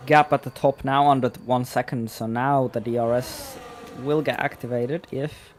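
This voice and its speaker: A man co-commentates on an online racing league, steadily following the gap between the leaders. His pitch is average for a man. Faint noise sits under his voice. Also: steady tone, normal speed. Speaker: race co-commentator. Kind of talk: casual sim racing commentary.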